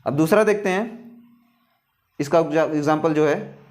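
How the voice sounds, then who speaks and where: A man teaching English letter pronunciation, slowly repeating words and asking questions he answers himself. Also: on the high side, a little mellow. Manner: slow, repetitive, asks questions and answers them.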